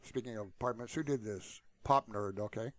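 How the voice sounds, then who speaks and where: A man with a lowish voice runs his own YouTube channel and addresses viewers at an ordinary pace. His talk is an informal, unscripted ramble sprinkled with frequent "you know"s. The sound is dry, with no echo.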